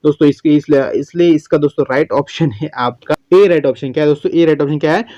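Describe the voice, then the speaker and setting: A man solving exam questions as a biology teacher, chatty, often saying "okay", reading English questions slowly word by word. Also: on the high side, mellow, no room sound, lo-fi sound. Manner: chatty, repeats "okay" and "friends", many restarts. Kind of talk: exam-prep lesson, solving MCQs.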